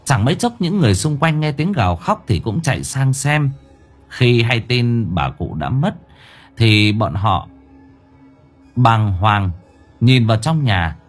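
A man narrating a horror audiobook in a dramatic, drawn-out storytelling manner. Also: mid-range voice, sing-song. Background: faint music.

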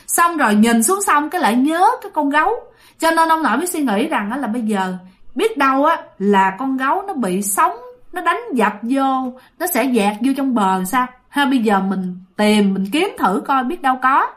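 A woman. She repeats phrases for effect and speaks directly to her listeners. Her telling is lively and conversational. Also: high-pitched, normal speed. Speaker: ghost story narrator. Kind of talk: storytelling to listeners.

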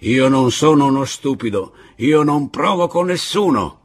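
A man voicing a drunken, bitter male guerrilla who taunts loudly, in an audiobook reading. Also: medium pitch, expressive, unhurried, husky, voice pushed up. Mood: sneering. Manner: mocking, taunting, raised and loud.

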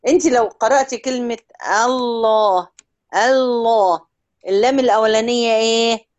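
A woman with an Egyptian Arabic accent teaching Quran recitation one-on-one, stretching example words out slowly and checking in often with short questions. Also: a little high, fairly even intonation, a little mellow, dull audio. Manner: drawls out example words slowly to demonstrate sounds. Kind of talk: one-on-one tajweed lesson.

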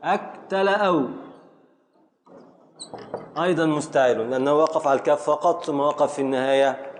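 A middle-aged man with an Egyptian accent teaching a class, drawing out words slowly to scan the metre and quizzing his students. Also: on the high side, a little hiss or hum. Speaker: teacher of Arabic prosody. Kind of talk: classroom lesson.

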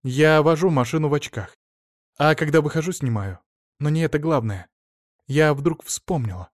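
A man's voice: fairly high pitch, normal speed, dry recording, studio quality, voice pushed up, natural voice. Man voicing a flustered anxious woman. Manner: excited and flustered. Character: anxious flustered woman talking fast on the phone.

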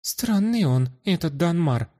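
A male audiobook narrator voicing a sharp-tongued, inquisitive young noblewoman in a raised, lively voice. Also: a little high, unhurried, pitched above the performer's own voice. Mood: puzzled. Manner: mocking, inquisitive.

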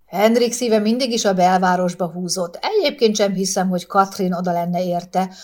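A calm, mild older husband who needles his wife with dry humor , as a woman reader puts him on. He mostly sounds unbothered and soothing, with a fairly low voice. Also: natural voice. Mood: teasing. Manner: mild, dryly teasing, placating. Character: calm, teasing older husband doing a crossword.

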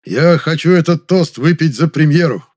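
A man voicing a boastful theatre director who makes grand, loud toasts at a banquet in an audiobook. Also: fairly high pitch, moderate pace, pitched above the performer's own voice, natural voice. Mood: triumphant.

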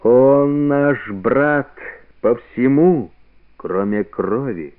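A proud old wolf leader speaks with slow, stern dignity, as a male reader puts him on, building to solemn force. The sound is thin and boxy, like an old radio broadcast. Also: medium pitch. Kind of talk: radio play reading. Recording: narrow-band old radio recording.

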